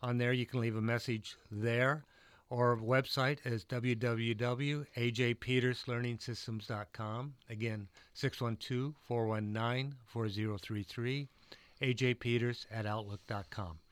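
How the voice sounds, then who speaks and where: This man's medium-pitched voice is steady, clear and resonant, with no echo. He teaches computer classes and chats casually on a radio show, restarting after stumbles and reading his contact details at a slow pace.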